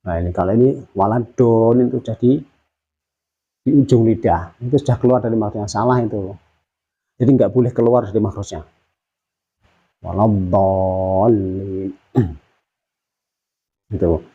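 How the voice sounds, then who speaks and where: A man with an Indonesian accent, teaching Quran pronunciation patiently and repeating drawn-out syllables to demonstrate. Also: on the low side, husky, phone-quality sound. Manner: patient, explanatory, uses many fillers. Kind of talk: tajwid pronunciation lesson.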